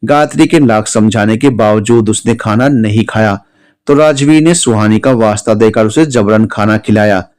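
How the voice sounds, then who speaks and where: A man's voice: moderate pace, a little mellow. Man narrating a dramatic story. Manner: voices every character himself, pitching up for women and anger. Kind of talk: scripted narration with acted dialogue.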